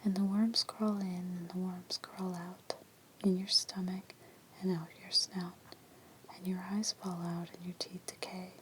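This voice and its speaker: A woman reading creepy legends as an ASMR storyteller in a hushed, breathy whisper. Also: lowish voice, little pitch movement, measured pace, slight background noise, low-quality recording.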